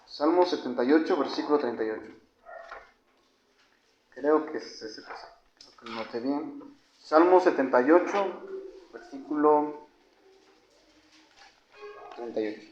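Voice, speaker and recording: A man's voice: on the high side, measured pace, pauses often, a little hiss or hum. Man preaching in an echoey church. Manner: conversational preaching, addresses listeners as brothers, swings from loud to soft. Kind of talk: sermon. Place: church hall. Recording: echoey church, dull lo-fi sound.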